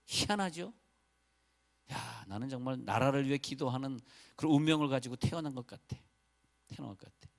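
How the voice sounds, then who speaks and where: A man's voice: lowish voice, vocal fry. A male pastor from North Korea preaching a sermon in a loose, chatty way, with rambling asides and apologies to the congregation.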